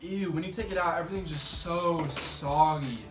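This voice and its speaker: A man's voice: a little high, moderate pace, soft background music. A young man bantering casually during an eating challenge, talking with his lips stretched wide by a mouth retractor so his consonants slur. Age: young adult. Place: indoor room at a table. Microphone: distant camera. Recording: echoey room, distant mic, noisy background.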